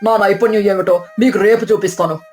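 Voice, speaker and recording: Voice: medium pitch, fairly even intonation, a little fast, a little mellow, soft background music, close to an everyday voice. A voice actor doing a bragging young city son-in-law. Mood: boastful. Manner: proud, bragging, bossy.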